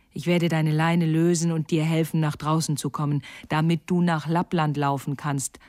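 A woman's voice: sits low, darkish tone, no echo, clean studio sound, lightly acted. A woman voicing a wild, fierce little robber girl in a storybook, blunt and teasing, at times whispering.

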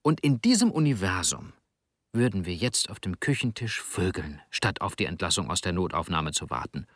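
A man reading the lines of a gruff, remorseful middle-aged man in an audiobook, blunt and pleading. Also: deep voice, sing-song, moderate pace, no room sound, clean studio sound. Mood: wistful.

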